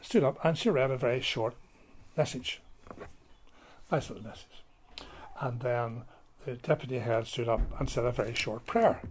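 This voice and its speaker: An older man tells school stories in an interview. He talks in a halting way, with restarts and fillers, and his voice sits at an ordinary pitch. Faint noise hums under the recording. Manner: halting, many restarts and fillers, playful when telling a prank. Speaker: retired school principal. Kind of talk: interview storytelling.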